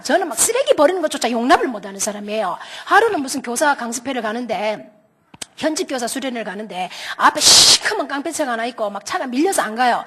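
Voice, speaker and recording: A middle-aged woman, a pastor's wife, preaching a sermon and acting out stories with shouted lines. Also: high voice. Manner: dramatic storyteller, shouts out quoted lines; lively, quick-tempered delivery. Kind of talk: animated sermon with acted stories.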